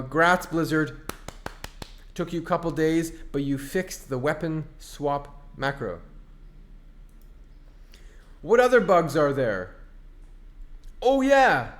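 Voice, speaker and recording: A man giving casual gameplay commentary as a streamer, ranting in an exasperated, sarcastic way. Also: a little high. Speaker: online game streamer.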